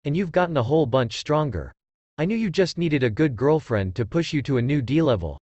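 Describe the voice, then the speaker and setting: A man's voice: a little high, expressive, fairly quick, darkish tone, dry recording, highs cut off. A man reading as a gushing proud mother. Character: doting cheerful mother, middle-aged.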